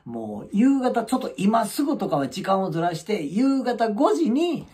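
A man's voice: high voice, normal speed. A middle-aged man telling a story casually as a channel host, acting out the people in it. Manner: animated, acts out quoted voices.

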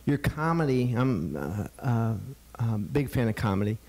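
A man's voice: medium pitch, sing-song, a little slow, a little mellow. A man in the audience, a fan, gushing with enthusiasm before asking his question. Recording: echoey room.

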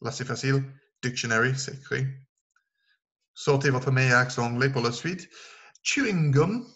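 A man's voice: medium pitch, little pitch movement, normal speed, a bit bright. A man teaching a recorded online English lesson, explaining step by step and counting down aloud for his learners.

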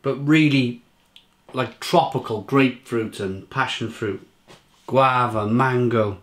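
A British man talks casually to camera as he reviews a beer. He rambles, restarts his sentences and piles up flavour notes with plain enthusiasm. His voice sits at an ordinary middle pitch for a man. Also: slow pace. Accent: British English. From England.

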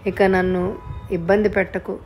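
A woman's voice: medium pitch, flat delivery, normal speed, darkish tone, a little hiss or hum, close to an everyday voice. A woman narrator voicing a bitter, scornful husband in an audio novel. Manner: curt and scornful. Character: cold, bitter husband, adult man.

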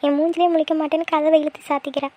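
A heartbroken middle-aged aunt from a cartoon, her voice high and quick as she pleads through her grief, as a woman plays her. The lines tumble out in a rush. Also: little pitch movement, a little mellow. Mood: grieving. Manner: sorrowful, pleading complaints. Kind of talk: cartoon voice acting.

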